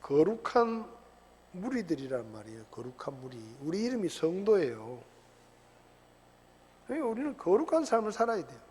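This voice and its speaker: A middle-aged man preaches in a church, his high, husky voice swinging widely in pitch. He fires rhetorical questions at the congregation and breaks into sudden shouts. The sound trails off in a long church reverb. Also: big pitch swings, normal speed, long pauses. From South Korea. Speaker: pastor. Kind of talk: sermon. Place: church sanctuary.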